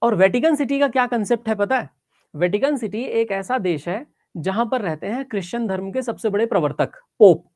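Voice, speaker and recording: A woman's voice: medium pitch, lively intonation, a little fast, darkish tone, no echo, clean studio sound. A woman teacher giving a geography lesson, explaining step by step, checking in with her students and mixing English phrases into her Hindi.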